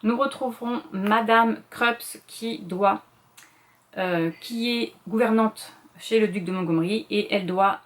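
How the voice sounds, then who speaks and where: A middle-aged woman presenting her reading list in a casual, rambling chat, full of fillers and self-corrections. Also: mid-range voice. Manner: quick talker, admits speaking too fast.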